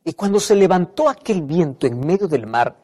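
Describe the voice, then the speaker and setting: A man's voice: fairly high pitch, expressive, moderate pace, warm tone. A man preaching a sermon, emphatic, repeating key phrases and putting questions to the listener. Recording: reverberant hall.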